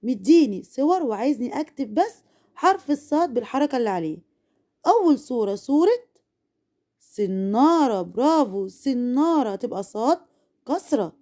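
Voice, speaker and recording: Egyptian woman, primary school teacher; warm, mellow, animated delivery, slowly drawn-out model words, encouraging. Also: high voice. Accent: Egyptian Arabic. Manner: stretches each modeled word slowly, then repeats it; encouraging, addresses pupils directly. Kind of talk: recorded first-grade reading lesson.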